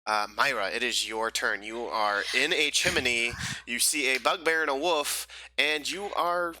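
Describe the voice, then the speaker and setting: A man's voice: mid-range voice, a little slow, sharp tone, no echo, low-quality recording. A young man running a tabletop game over a voice call, casual and rambling, full of fillers and restarts. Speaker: game master.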